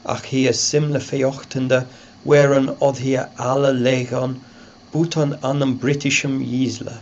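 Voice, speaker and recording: Muffled, noisy Old English recitation by a man. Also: medium pitch. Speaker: reader and narrator. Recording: muffled lo-fi recording with loud background noise.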